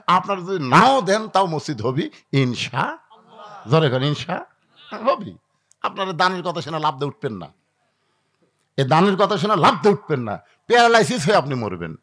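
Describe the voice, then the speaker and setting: A man with a high, very animated voice delivers a fiery waz sermon. He plays out little dialogues himself and keeps calling on the crowd to answer him loudly. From Bangladesh. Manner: dramatic storytelling, acting out dialogues, calling for audience responses. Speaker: preacher.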